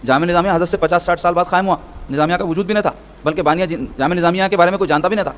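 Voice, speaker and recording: A man's voice: high voice, a little hiss or hum. A man giving a sermon-style hadith lesson, explaining points step by step and asking rhetorical questions. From Hyderabad, South India. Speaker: religious scholar teaching hadith.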